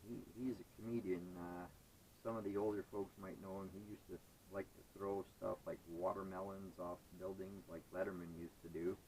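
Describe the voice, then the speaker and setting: A man's voice: deep voice, little pitch movement, normal speed, mellow, a little hiss or hum, poor audio. A man, chatting casually and rambling with hesitant fillers while he sorts scrap metal. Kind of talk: casual chat while working.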